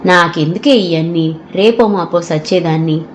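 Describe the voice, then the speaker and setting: A woman voicing a sharp-tongued, grumbling old mother-in-law in an audio story. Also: fairly low pitch, moderate pace, a little hiss or hum, lightly acted. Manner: scolding, grumbling.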